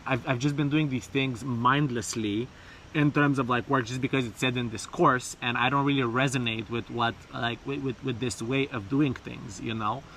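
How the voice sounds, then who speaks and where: A man talking casually and haltingly in an unscripted personal vlog, repeating words and speaking informally, outdoors. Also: medium pitch, fairly even intonation, fairly bright tone, a little hiss or hum, poor audio. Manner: informal, sprinkled with swearing and bro. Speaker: vlogger. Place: outdoors, bathing in a river.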